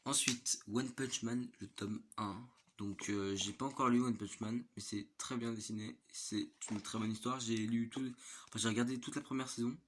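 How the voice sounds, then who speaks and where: A man's voice: mid-range voice, fairly even intonation, normal speed. A young man with a congested, blocked-nose sound from a cold, chatting casually as he shows his manga collection in a vlog. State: has a cold with a stuffy nose. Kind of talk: casual vlog chat, rambling collection tour. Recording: noisy amateur home recording with clicks.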